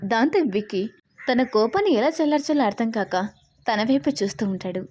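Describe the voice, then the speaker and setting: A woman tells a dramatic serial story at an even pace. Her voice is soft and mellow and sits slightly high. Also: a little fast, a little hiss or hum.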